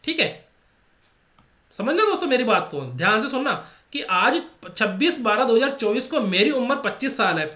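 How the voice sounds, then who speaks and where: Very high, bright and forceful, this male teacher's voice is very animated yet moves at a moderate pace. Teaching exam-prep math with a Rajasthani Hindi accent, he repeats every step and drills the class with rhetorical questions, recorded in an echoey room.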